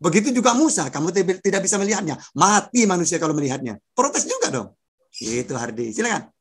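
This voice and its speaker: A man's voice: high voice, big pitch swings, fast, slightly rough. A man arguing his side in an online religious debate, pressing his points with questions, heard through a video call.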